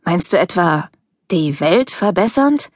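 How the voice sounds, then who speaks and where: A woman's voice: fairly low pitch, big pitch swings, a little slow, no room sound, clean studio sound. A woman narrator voicing a rich, flippant young male student who talks in an offhand, self-assured way, in an audiobook.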